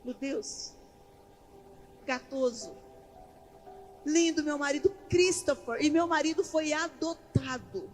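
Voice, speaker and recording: A woman's voice: high voice, slow, pauses often. A woman preaching a sermon in a church, building to fervent proclamation. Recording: reverberant church hall with music.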